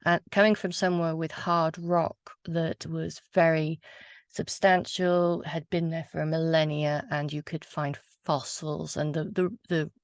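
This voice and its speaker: A woman's voice: low-pitched, flat delivery, a little slow, dry recording, studio quality. A woman storyteller, from Wales, talking earnestly with some hesitation before reading her own poem. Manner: reflective, earnest, with hesitant fillers. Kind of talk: casual talk and poetry reading.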